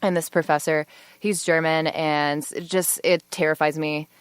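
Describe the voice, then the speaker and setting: A woman's voice: sits low, fairly even intonation, normal speed, clean tone, no room sound. A woman in her twenties, a law student, chatting as a podcast guest with lots of fillers and easy laughs. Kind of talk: casual podcast interview.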